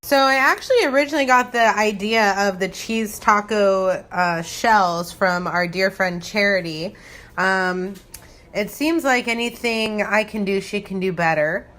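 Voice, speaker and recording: A woman's voice: mid-range voice, unhurried, fairly bright tone. A woman giving a casual home cooking demo, chatting informally and thinking aloud in a loose, giggly, tipsy way. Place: home kitchen. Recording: noisy home recording with kitchen ambience.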